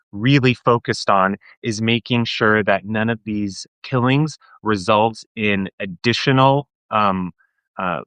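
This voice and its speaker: A man's voice: lowish voice, fairly bright tone, no echo, rough recording. A man speaking as a guest in an interview, impassioned and often restarting his sentences. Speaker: guest, advocacy group staff. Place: remote call from Washington, DC.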